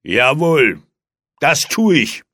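A man voicing a brash, greedy robber who talks loudly and boastfully. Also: medium pitch, very animated, takes it slowly, no echo, clean studio sound, full character voice. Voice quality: loud, boastful.

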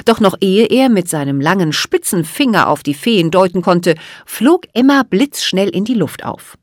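A woman reads a children's storybook aloud, with a lively voice that swoops up and down for drama. The recording is close and dry, with no room sound. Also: mid-range voice, normal speed, no echo. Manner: expressive, dramatic reading. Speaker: audiobook narrator. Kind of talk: storybook narration.

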